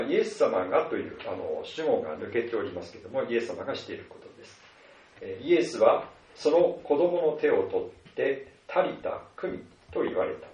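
A male pastor preaching a sermon at a measured pace, with many soft filler words between phrases. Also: mid-range voice, slight background noise. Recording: distant, roomy, dull lo-fi sound.

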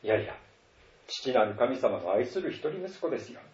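A man preaching a sermon with an earnest, animated delivery and a lively pitch that rises and falls. His voice is mellow and dark. It comes from some distance off, in a roomy church hall with a slightly dull sound. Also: normal speed. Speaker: pastor.

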